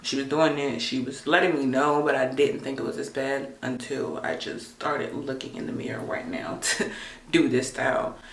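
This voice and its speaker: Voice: mid-range voice, moderate pace. A stressed, upset vlogger close to tears, talking candidly and confessionally to the camera. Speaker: hair vlogger and loctician. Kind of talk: candid, confessional vlog talk. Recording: roomy echo, faint background noise.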